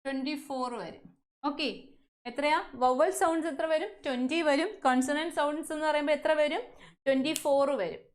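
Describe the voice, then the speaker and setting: Female teacher, Malayali accent, high voice, quizzes her class and answers her own questions. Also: fairly even intonation, moderate pace. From Kerala, India. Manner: asks the class many questions and answers them herself. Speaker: English teacher at a coaching centre. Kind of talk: classroom lesson.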